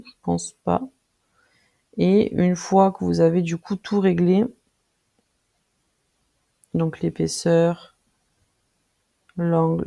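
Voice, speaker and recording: Tutorial presenter, casual screen-recording, very creaky and mellow, hesitant with lots of fillers. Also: medium pitch. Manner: hesitant, frequent filler pauses while clicking through; friendly, addresses viewers directly.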